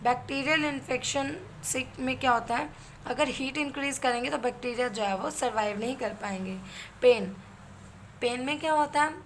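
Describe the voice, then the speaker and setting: A physiotherapy instructor with an Indian accent delivers an explanatory lecture in a mix of Hindi and English, moving step by step and posing questions she then answers herself. Her voice is high-pitched and her speed normal, with slight background noise.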